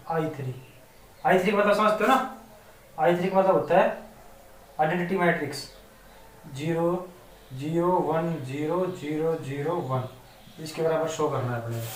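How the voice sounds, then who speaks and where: A man with a Rajasthani Hindi accent teaches a maths lesson, his voice sitting high. He keeps pausing to check that the students follow. The sound is roomy and picked up from some distance, with a faint hiss behind. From India. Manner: repeatedly checks students' understanding. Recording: echoey room, mic at a distance, faint noise.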